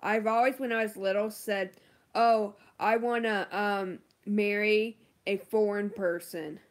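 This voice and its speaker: A woman's voice: mid-range voice, steady tone, unhurried. A woman beauty vlogger chatting casually on a livestream, answering viewer comments with lots of ums and likes.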